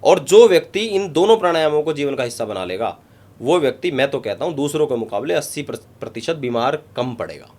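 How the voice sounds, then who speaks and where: An emphatic yoga guru, a man, explaining breathing practice in an interview. His voice sits a little high for a man. He repeats key points and lays them out step by step. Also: very animated, fairly quick, darkish tone. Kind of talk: instructive interview talk.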